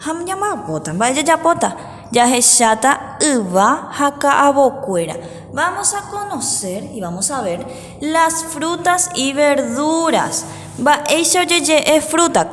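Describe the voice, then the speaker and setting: A woman teacher giving a patient lesson to pupils, slowly repeating each word for them to say back. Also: high voice, very animated, long reverb tail, a little hiss or hum. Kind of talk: remote class lesson.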